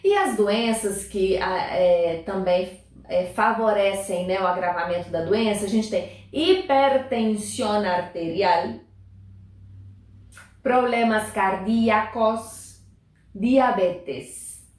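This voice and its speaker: A woman's voice: medium pitch, slow pace. A woman teaching Spanish vocabulary. She explains patiently, repeats each word, and checks in with her students often. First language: Portuguese. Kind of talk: language lesson. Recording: echoey room, mic at a distance.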